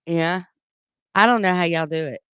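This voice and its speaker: A woman's voice: lowish voice, moderate pace, fairly bright tone, clear, resonant tone, no echo, muffled recording. A woman with a Southern US accent co-hosting a morning radio show, reading news items and then chatting casually in a studio. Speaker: radio co-host. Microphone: studio microphone.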